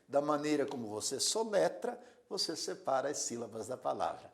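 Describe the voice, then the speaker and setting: Male grammar teacher, lively pitch, gravelly tone, deliberate classroom delivery. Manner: slow, deliberate, repeats words syllable by syllable; asks rhetorical questions to the learner. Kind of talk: classroom lecture.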